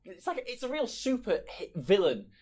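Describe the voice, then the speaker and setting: A man's voice: sits high, normal speed. A man chatting casually about a film, often trailing off and restarting with fillers. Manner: relaxed, trailing off, filler-heavy, sometimes acting out characters. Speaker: podcast co-host. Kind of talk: casual film review chat.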